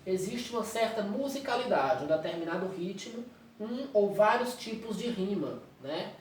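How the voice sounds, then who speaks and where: A man's voice: high-pitched, lively intonation, moderate pace. Brazilian male teacher in echoey room. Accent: Brazilian Portuguese. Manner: explanatory, keeps checking in with "tá?". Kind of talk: recorded classroom lecture. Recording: very echoey room, distant mic, faint hiss.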